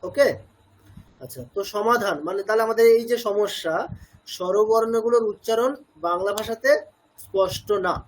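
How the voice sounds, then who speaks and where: A Sanskrit chanting teacher with a Bengali accent gives a classroom lecture on pronunciation, explaining slowly, step by step, mixing in English words and often asking the class questions. His voice is high for a man with a breathy, husky edge, and the recording quality is low.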